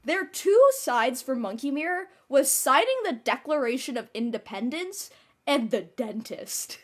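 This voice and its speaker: A high-voiced young woman co-hosts a casual recap chat. She is enthusiastic and fills listeners in on what they missed. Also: lively intonation, a little slow. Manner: enthusiastic, explains context for listeners. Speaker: podcast co-host.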